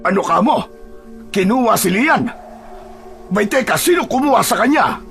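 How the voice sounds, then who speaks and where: Casting: man playing a gruff village chief in a radio horror story, gravelly, swooping speech, faint music behind. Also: high-pitched, expressive, moderate pace, fairly bright tone, voice pushed up, heavily acted. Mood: skeptical. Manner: brusque, questioning, cautioning. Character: gruff middle-aged village chief, skeptical but cautious.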